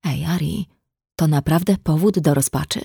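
A woman's voice: low-pitched, normal speed, vocal fry, husky, no room sound, studio quality, heavily acted. A woman reading a sly mocking young man. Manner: soft, deceptively gentle.

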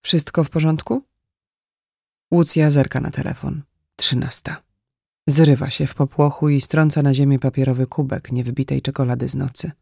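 Gravelly male audiobook narrator. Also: mid-range voice, level tone, fairly quick, dark tone, no echo, clean studio sound.

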